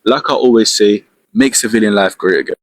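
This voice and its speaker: A man's voice: fairly low pitch, a little fast, no room sound. A young man with a London accent giving blunt street-slang advice in a casual monologue clip. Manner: street slang, lecturing, emphatic. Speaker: social media creator.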